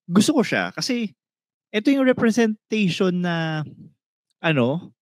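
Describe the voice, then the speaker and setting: Animated man on a dry mic. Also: high-pitched, measured pace, dry recording. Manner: animated, searching for words. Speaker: podcast co-host. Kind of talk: casual podcast chat, mixing in English.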